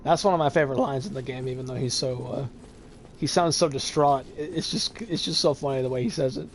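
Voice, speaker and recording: A man streaming a video game, giving casual, rambling commentary full of fillers and quick chuckles. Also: medium pitch, a little hiss or hum. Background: game music.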